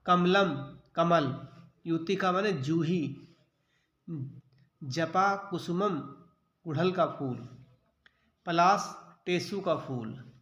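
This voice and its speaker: A male teacher giving a children's vocabulary lesson, naming each word slowly and repeating it with its meaning, often checking "theek hai". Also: a little high, fairly bright tone, reverberant.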